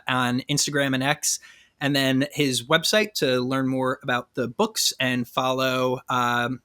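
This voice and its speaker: A man's voice: medium pitch, bright, forceful tone. A man hosting a podcast, chatting casually and plugging a product with lots of fillers and self-deprecating jokes. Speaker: podcast host.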